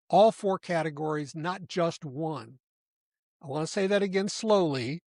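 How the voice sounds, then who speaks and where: A man hosting a podcast, giving a scripted explainer in an emphatic, deliberate way and slowing down to stress key points. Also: fairly high pitch, no room sound, clean studio sound. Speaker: podcast host.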